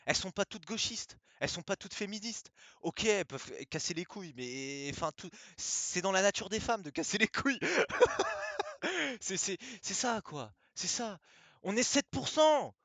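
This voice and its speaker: A man's voice: high-pitched, big pitch swings, a little slow, a bit bright, dry recording. A man talking in a casual monologue, emphatic and repetitive, firing off rhetorical questions.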